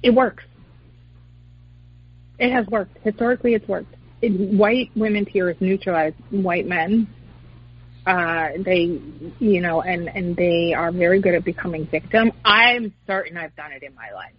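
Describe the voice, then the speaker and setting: A woman in casual discussion, talking in an animated way with many fillers and acted-out quotes. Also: on the low side, a little slow, husky. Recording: dull lo-fi recording.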